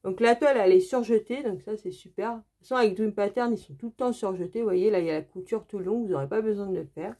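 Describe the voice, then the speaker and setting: A woman from France talks through her craft kits in a chatty, eager way. Her voice sits at an everyday middle pitch, with lots of fillers and repeated praise. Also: fast talker, few pauses, mellow. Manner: chatty, enthusiastic, many fillers. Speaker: craft vlogger. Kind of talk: casual unboxing chat.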